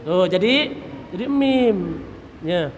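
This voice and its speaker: A man's voice: high-pitched, lively intonation, takes it slowly. A man teaching Quran recitation in a mosque, patiently drilling letter sounds and chanting verse examples. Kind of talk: tajwid lesson with chanted examples. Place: mosque hall. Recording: reverberant mosque hall, faint noise.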